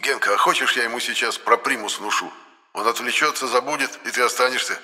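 A man's voice: medium pitch, fast talker, bright, forceful tone, in a large hall, voice pushed up. A man voicing a cheeky, streetwise male spirit companion who talks in brash slang.

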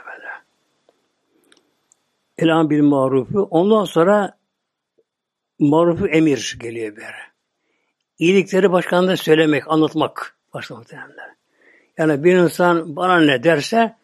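A Turkish man preaching a religious talk, slow and repetitive, often dropping to a murmur or whisper. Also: fairly high pitch. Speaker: Islamic preacher.

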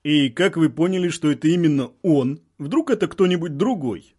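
A man voicing a calm, mocking soldier who drawls through his nose. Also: on the high side, moderate pace, breathy edge. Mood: drawling. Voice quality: nasal. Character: nasal, mocking male soldier on a loudspeaker.

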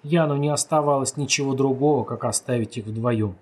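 Husky male audiobook narrator. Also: mid-range voice, brisk, a little mellow. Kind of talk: scripted narration.

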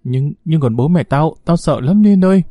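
A man's voice: fairly high pitch, animated, moderate pace, dark tone, no room sound, faint music behind, pitched above the performer's own voice, close to an everyday voice. A man voicing a frightened young village woman who pleads through tears. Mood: tearful pleading. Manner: pleading, tearful.

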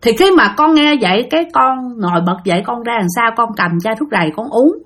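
A woman with a Southern Vietnamese accent tells a ghost story in a chatty, direct-address way. Her voice is fairly high and swings through a very animated pitch range. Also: brisk. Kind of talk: spoken ghost story narration.

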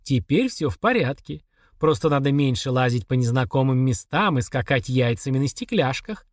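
A man reading an audiobook, voicing a cold, sadistic husband who talks calmly and sarcastically. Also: medium pitch, normal speed, dry recording, clean studio sound, natural voice. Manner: calm, flat, sarcastic.

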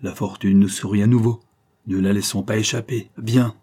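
A man's voice: lowish voice, steady tone, normal speed, mellow, close to an everyday voice. A man reading aloud and voicing a scheming, ruthless female adventurer with commanding, triumphant speech and hissed asides. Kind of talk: audiobook character reading.

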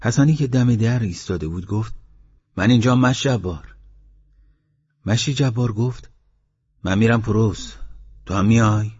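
A man's voice: on the low side, a little mellow, breathy edge. A man narrating an audiobook of village stories, raising his voice for the villagers' lines. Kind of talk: storytelling audiobook reading. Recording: dull lo-fi recording.

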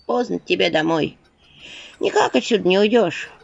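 A woman's voice: mid-range voice, normal speed, creaky, husky. A woman voicing a group of weary little imps who talk in a sighing, folksy way. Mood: grim. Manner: sighing, matter-of-fact, folksy. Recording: dull audio with faint noise.

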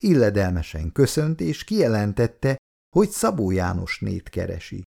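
A man narrates a story in a gravelly voice. His dark tone stays low, and his pitch moves a lot as he reads. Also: big pitch swings.

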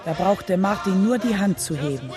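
An actress in a radio drama plays the earnest wife of a civil rights leader, narrating her memories in a measured, solemn way. Her medium-pitched, expressive voice is lightly acted, and loud music plays behind it.

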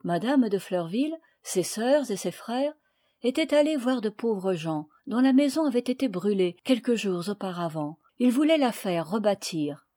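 A woman reading a children's novel aloud, with clear, expressive narration. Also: medium pitch, moderate pace. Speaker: audiobook reader. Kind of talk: storybook reading.

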